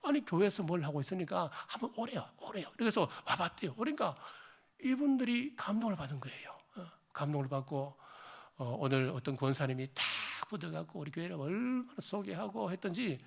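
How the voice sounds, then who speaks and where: A hoarse middle-aged pastor with a Gyeongsang accent, preaching a sermon in a church, swinging from emphatic exhortation to chatty storytelling. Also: male voice, high-pitched, big pitch swings, fairly quick. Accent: Gyeongsang Korean. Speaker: senior pastor. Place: church sanctuary.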